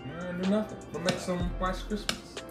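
A young man jokes around in a laid-back, teasing way as he co-hosts a home cooking vlog. He films on a phone held at arm's length. The kitchen sounds echoey, with clear music playing behind him. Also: sits high, fairly even intonation, a little fast. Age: young adult. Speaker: vlog co-host. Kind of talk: casual cooking vlog chat. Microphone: phone camera held at arm's length.

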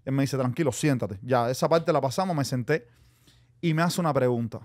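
A man's voice: medium pitch, brisk. A man, a podcast guest telling a story in casual chat, acting out what people said to him. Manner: animated storyteller acting out quotes, calls listeners "mi hermano".

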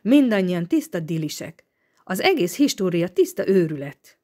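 A woman's voice: on the low side, very animated, darkish tone. A woman doing a grumbling scornful young man.

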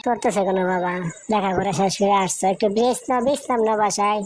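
Cartoon: a woman playing a kindly older auntie, soft-spoken, tired. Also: mid-range voice, brisk, soft background music, natural voice. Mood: caring. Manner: soft, caring questions.

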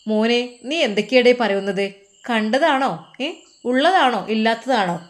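An older foster mother, kindly but insistent, pressing a grown son to say what he wants, as a woman storyteller plays her. Her voice sits a touch higher and louder than the narration, with a pleading, questioning lift. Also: normal speed, natural voice.

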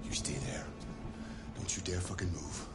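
An actor playing a volatile, abusive middle-aged father in a video game, snarling and breaking into shouts. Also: deep voice, fairly even intonation, moderate pace, over music, close to an everyday voice. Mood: menacing.

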